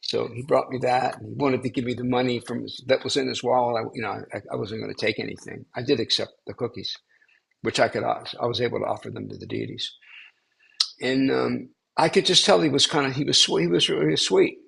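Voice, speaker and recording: A man's voice: mid-range voice, steady tone, brisk, gravelly, fairly bright tone, breathy edge. An older man, a spiritual teacher, tells a story to a small class in a rambling way, with many restarts and fillers.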